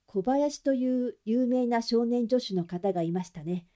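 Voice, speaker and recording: A woman's voice: a little high, normal speed, mellow, lightly acted. A woman voicing a polite, deferential male servant making an earnest request.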